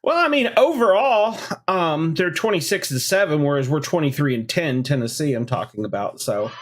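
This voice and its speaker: A man co-hosting a casual chat show rambles about college basketball, repeating filler words and sounding congested as he gets over a chest cold. His voice is a little high and animated, at a moderate pace.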